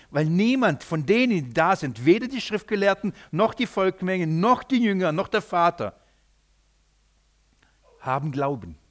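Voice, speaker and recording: Brief: male preacher, emphatic sermon, rhetorical questions, slightly high voice.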